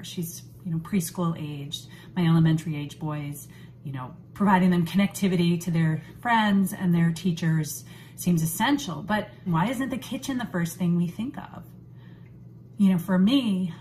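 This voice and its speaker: A woman in her thirties hosting a home vlog, talking to camera in a relaxed, chatty way with lots of "you know" fillers, recorded in her kitchen on a phone or webcam at arm's length. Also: mid-range voice, a little hiss or hum, rough recording. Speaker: host. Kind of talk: casual talk to camera.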